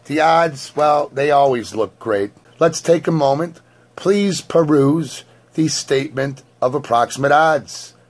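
A man hosting his own lottery ticket vlog from his home, hoarse from having lost his voice, talking in a crude, jokey, wordy showman manner. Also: fairly high pitch, unhurried. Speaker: host.

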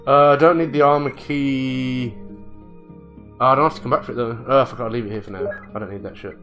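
A man commenting on his own gameplay, muttering to himself, swearing and getting excitable. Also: mid-range voice, fast, faint music behind. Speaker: let's play gamer.

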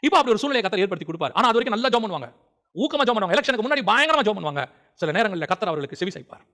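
Fast, fervent high-voiced male preacher. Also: big pitch swings, bright, forceful tone. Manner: fervent, rising to emphatic outbursts; colloquial, acts out quoted prayers. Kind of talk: sermon.

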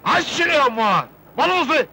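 An actor playing a harried, poor Egyptian uncle who scolds and fusses, in a 1980s film comedy. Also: male voice, extremely high pitch, big pitch swings, rapid-fire, pushed and bright, exaggerated voice. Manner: scolding, fussing. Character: harried poor uncle, middle-aged laborer. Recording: old film soundtrack, noisy.

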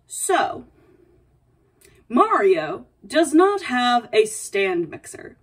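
A woman's voice: on the high side, sing-song, very slow, husky, heavily acted. A young woman playing a playful, sassy princess hosting a comedic baking tutorial, with dry asides and a mock-dainty manner. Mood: playful, flustered. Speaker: baking video host. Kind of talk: comedic in-character cooking tutorial. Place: small home apartment kitchen, indoors. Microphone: camera a few feet away. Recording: distant kitchen camera microphone.

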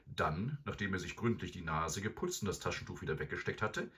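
Deep-voiced man reading a storybook. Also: fairly quick. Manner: expressive, animated reading. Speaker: narrator.

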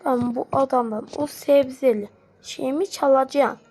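A woman giving excitable live gameplay commentary, pleading and yelling at the game. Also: high-pitched, a little slow, husky. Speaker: gamer.

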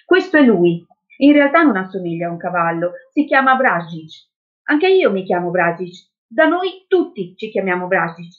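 A woman's voice: fairly high pitch, pitched above the performer's own voice, close to an everyday voice. A woman voicing a determined little girl who speaks insistently and accusingly. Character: determined little girl seeking her father. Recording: tinny phone-like sound.

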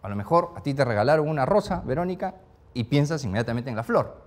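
Fast-talking and mid-range in pitch, a man teaches speed reading in an interactive lesson, repeatedly quizzing the group with animated energy and constant short tags like "¿ya?" and "¿no?"

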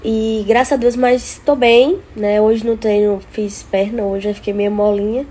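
Holding her phone at arm's length around her home's living room and kitchen, a young Brazilian woman in her twenties chats with followers despite a cold. Her voice runs on the high side and unhurried, and her breezy storytelling turns animated when she vents.

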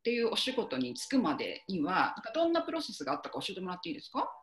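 Woman interview host, polite and summarizing; animated pitch, roomy echo. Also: very fast. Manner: polite, summarizes the guest's answers. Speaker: interview host, English coach.

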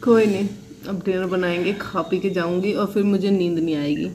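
A woman's voice: lowish voice, steady tone, moderate pace, darkish tone, slight background noise. A woman vlogging casually from her home kitchen, a chatty mother who laughs often and coos playfully at her kids. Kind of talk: casual home vlog chat.

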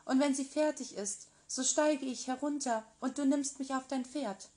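A woman voicing a gentle young girl locked in a tower in a children's fairy tale, speaking softly and with wonder. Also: high-pitched, moderate pace, pitched above the performer's own voice, natural voice. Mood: innocent pleading.

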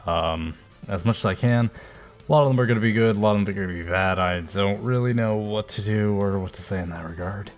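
A young man in his twenties with a lowish voice talks briskly into a headset mic at a desk in a small room. He's a YouTuber who does game voice impressions, chatting casually and self-deprecatingly in a vlog.

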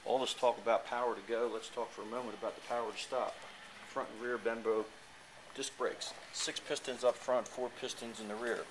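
A man giving an enthusiastic dealership sales pitch for a car, reciting specs in a showroom, recorded on a handheld camera. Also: little pitch movement, a little fast. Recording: noisy showroom ambience.

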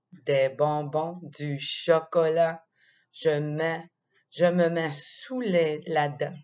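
A woman with a Quebec French accent and a lower-sitting voice tells a playful children's story slowly and expressively, with little laughs. The audio sounds dull and lo-fi.

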